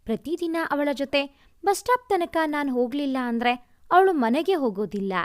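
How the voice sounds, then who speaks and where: A young woman narrating a first-person audio story in a wry, expressive way. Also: high-pitched, normal speed.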